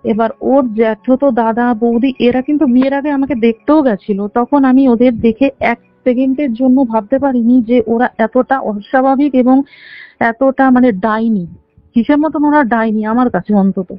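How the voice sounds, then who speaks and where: On a dull, band-limited phone call with faint music in the background, a woman of about twenty earnestly tells her own story in detail. Her voice is fairly high and brisk, with no room sound.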